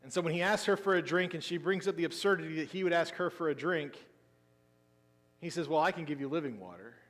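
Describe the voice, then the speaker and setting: Male pastor, sermon, slightly high voice, big echoing church hall, emphatic then hushed. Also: fast talker. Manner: animated storytelling, swinging between loud emphasis and quiet asides. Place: church sanctuary. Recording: long hall reverb.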